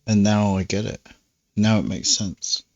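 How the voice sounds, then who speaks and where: A man's voice: lowish voice, steady tone, unhurried, darkish tone, no echo. A man streaming a game, rambling and dry, with self-mocking asides. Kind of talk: live game-stream commentary. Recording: dull, dry stream audio.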